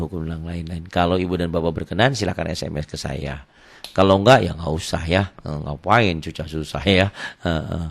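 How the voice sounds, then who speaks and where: A man teaching Quran recitation rules online, explaining plainly and then chanting verses slowly and loudly. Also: deep voice, gravelly. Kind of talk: online tajwid lesson.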